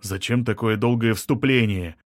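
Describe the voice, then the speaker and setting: A man's voice: medium pitch, moderate pace, dry recording, natural voice. Man playing a middle-aged mayor, portly, irritable, snappish, dry studio. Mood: impatient. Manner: snappish, impatient.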